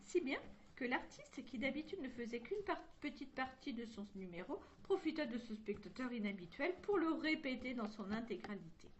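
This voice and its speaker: A woman's voice: high-pitched, very animated, normal speed, dull audio, slight background noise. A woman reading a chapter of a children's novel aloud, voicing each character in turn, with occasional slips and restarts. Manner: reads all characters in one voice, with slips and restarts. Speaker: reader of a children's story.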